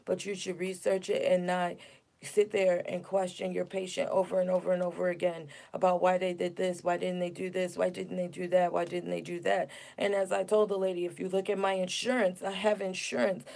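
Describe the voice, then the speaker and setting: A woman's voice: on the low side, gravelly, a little mellow. A woman in her thirties venting indignantly on a casual livestream, upset and near tears. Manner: indignant, venting, reads chat aloud. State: upset, tearful. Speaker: vlogger.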